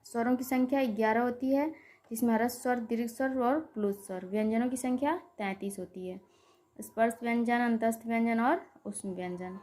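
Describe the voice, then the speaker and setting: A woman's voice: a little high, moderate pace, darkish tone. A woman teaching a grammar lesson for exam students, explaining step by step, repeating terms and drawing out vowel sounds. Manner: asks rhetorical questions to the class.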